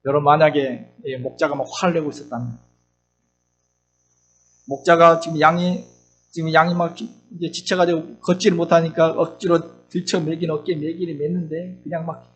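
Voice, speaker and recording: A middle-aged man preaching an earnest sermon as pastor, swinging between loud urgent lines and soft low asides. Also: steady tone, a little fast, low-quality recording. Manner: acts out tender and scolding voices when quoting.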